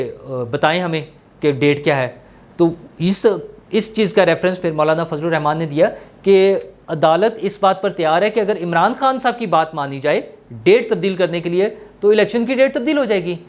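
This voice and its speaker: A man with a Pakistani Urdu accent hosting his own channel, explaining politics in a steady, explanatory way with small fillers. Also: high-pitched. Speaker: political commentator and host. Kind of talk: solo political analysis.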